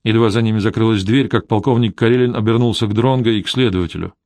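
A man narrating a detective novel in an even, measured storytelling manner. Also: fairly low pitch, no room sound. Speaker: audiobook narrator. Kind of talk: scripted narration.

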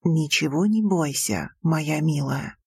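A woman's voice: gravelly, a little mellow, breathy edge, dry recording, studio quality, full character voice. Woman voicing a passionate young prince. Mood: tender. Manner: slow, low, intimate delivery. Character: young prince, passionate, teasing, tender husband. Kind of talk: audiobook reading.

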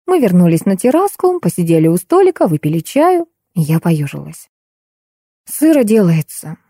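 Woman, audiobook narrator, first-person comic novel, ironic, mellow low timbre, dry close recording. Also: a little fast, breathy edge, dry recording. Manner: lively, ironic storytelling.

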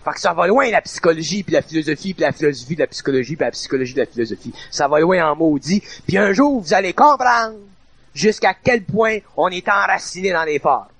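Gravelly emphatic man, Quebec French accent. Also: a little high, animated, fairly quick, a bit bright, no room sound. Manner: emphatic, repetitive, colloquial. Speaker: lecturer. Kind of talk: informal spoken lecture.

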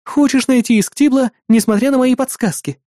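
An audiobook reader voicing a proud young woman mage who speaks briskly and a bit wryly. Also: high-pitched, warm tone, no echo, studio quality, pitched above the performer's own voice, natural voice.

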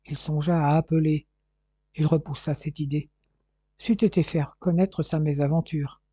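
Dark, husky male narrator. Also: a little high, fairly even intonation, moderate pace, dry recording. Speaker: audiobook narrator. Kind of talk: scripted narration of a crime novel.

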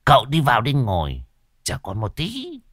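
A man voicing a lecherous old village drunk who curses, boasts and shrieks in a high, wildly swooping voice. His pitch leaps far above the narrator's, and the sound is close and dry, as in a spoken storybook. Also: wildly swooping pitch, normal speed, fairly bright tone, no room sound. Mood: boastful bluster. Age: older.

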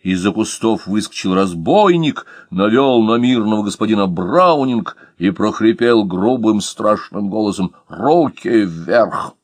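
A man reading humorous short stories aloud in an expressive, ironic way. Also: on the low side, a little slow, hardly any pauses, dry recording. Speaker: reader.

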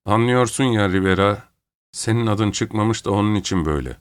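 A man's voice: on the low side, moderate pace, smooth, no echo, close to an everyday voice. A man voicing a bossy male fight promoter who talks in a blunt, coaxing way.

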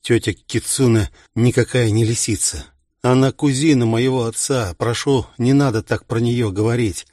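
A man's voice: mid-range voice, steady tone, moderate pace, a little mellow, no echo, studio quality, close to an everyday voice. A man voicing a stubborn, proud young male sergeant pilot, strained and defiant. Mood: bitter. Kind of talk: audiobook character reading.

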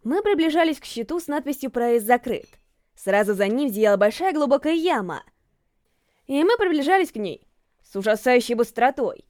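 Woman reading a story aloud, lively telling, high voice, dry close sound. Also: brisk, dry recording. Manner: lively first-person storytelling. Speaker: narrator.

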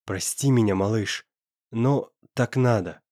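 A man doing a hushed pained young man. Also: expressive, normal speed, no room sound, clean studio sound. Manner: low husky murmur.

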